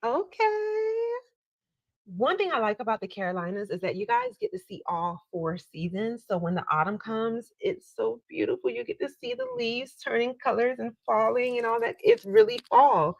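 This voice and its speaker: A woman's voice: on the high side, wildly swooping pitch, normal speed, creaky, dry recording, lo-fi sound. An American woman hosting a live call-in tarot show, chatting casually in a folksy, encouraging way and speaking straight to her listeners. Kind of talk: casual live-stream chat with callers.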